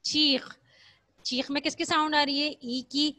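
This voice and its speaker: Her voice is high and sharp with fairly even intonation, recorded without echo. She's a teacher delivering a recorded online lesson to young kids, going over points again patiently, posing and answering her own questions, and mixing in some English.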